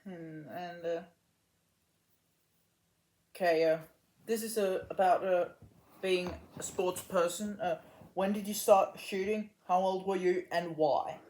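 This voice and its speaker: A woman interviewer with a mellow, darker tone who speaks slowly and hesitates with frequent fillers before each question. Her voice carries in a noticeably echoey room. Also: on the low side, fairly even intonation. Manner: hesitant, many ums and uhs before questions. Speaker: talk show host, interviewer.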